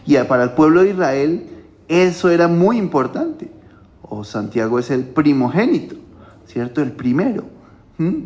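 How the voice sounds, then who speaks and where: At a home church, a male pastor with a fairly high, darkish-toned voice teaches from the Bible. He explains step by step and often checks in with his listeners.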